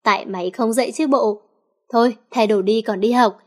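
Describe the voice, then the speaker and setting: Woman reading as a sneaky teen girl, fake-panicky teasing, kinda high voice. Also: normal speed, lightly acted. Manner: teasing, feigned alarm. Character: cheeky teenage girl prankster, playful schemer.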